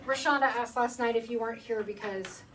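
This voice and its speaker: A woman's voice: a little high, fairly quick, a bit bright. A woman hosting a live furniture painting demo, chatting casually and reading viewer comments aloud. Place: paint room. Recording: distant mic with background noise.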